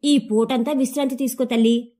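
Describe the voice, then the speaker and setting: Soft kind old mother-in-law, affectionate, woman reading her lines, high voice. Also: fairly even intonation, normal speed. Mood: tender. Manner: gentle, affectionate.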